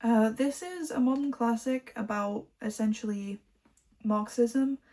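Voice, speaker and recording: A woman from Liverpool chatting casually about books she collected, rambling and filling pauses with "um" and "like". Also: a little high, dark tone. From Liverpool, England. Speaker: book vlogger.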